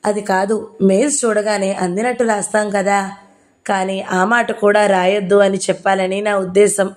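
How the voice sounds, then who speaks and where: A woman voicing a calm, reasonable man who explains things patiently in an audio novel. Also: mid-range voice, normal speed, close to an everyday voice. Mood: explaining.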